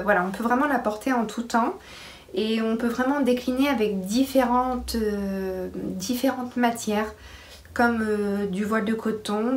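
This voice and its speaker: A pregnant woman chatting casually to camera about her sewing, with many pauses and restarts. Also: fairly high pitch, a little mellow. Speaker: sewing vlogger.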